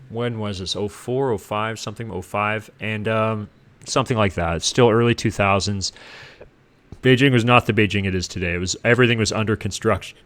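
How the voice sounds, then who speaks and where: A middle-aged man from Canada, a guest casually telling his life story in an animated way, acting out what others said. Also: fairly low pitch. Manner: animated, acts out what people said.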